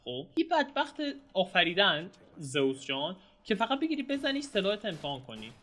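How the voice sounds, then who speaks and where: A young man giving excitable, casual commentary while playing a video game, shouting and groaning at the action. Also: sits high. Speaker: gameplay streamer. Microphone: home mic with some noise.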